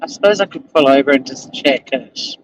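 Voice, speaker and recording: This casual in-car vlog comes from a middle-aged Australian lawyer chatting to camera while driving, full of rambling, self-deprecation and easy swearing. His mid-range voice runs a little fast, and the poor audio carries slight background noise.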